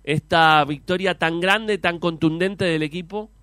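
A Uruguayan man interviews in an informal, conversational sports-show style. His voice is fairly high and very clear, with a dry, close sound. His questions wind along in several parts. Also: a little slow, bright, forceful tone, no echo.

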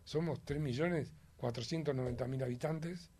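A man with a Uruguayan Spanish accent chats casually as a guest, speaking at a normal speed in a medium-pitched, slightly mellow voice. He's emphatic and rambling, with many fillers.

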